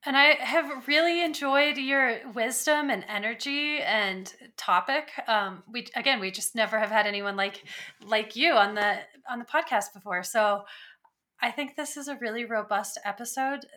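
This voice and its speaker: A woman's voice: a little high, sharp tone. A woman hosting a podcast interview, asking enthusiastic questions with many fillers. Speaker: podcast host.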